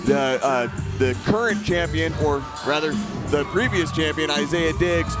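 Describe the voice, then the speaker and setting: A man with a fairly high voice gives loose live fight commentary. Very loud walkout music plays behind him. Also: unhurried.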